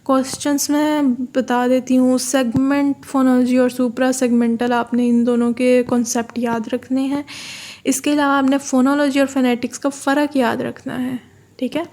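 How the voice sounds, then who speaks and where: A woman from Pakistan, tutoring for an exam, explaining slowly, repeating key terms and reading English definitions aloud. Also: sits high, little pitch movement, a little mellow. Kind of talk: exam-prep lecture.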